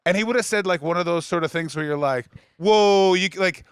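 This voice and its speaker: Animated man in casual studio chat. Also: a little high, quick pace, clean tone, no echo. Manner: animated, storytelling, profane. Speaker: podcast co-host.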